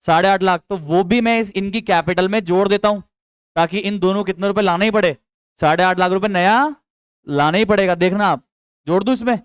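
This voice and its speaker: Young male teacher with a high, smooth voice. Chatty coaching tone that keeps drilling students with questions, recorded close and dry. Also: brisk, no room sound. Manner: chatty, coaxing, quizzes students with repeated questions; mixes English terms into speech. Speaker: accountancy teacher. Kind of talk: classroom lecture.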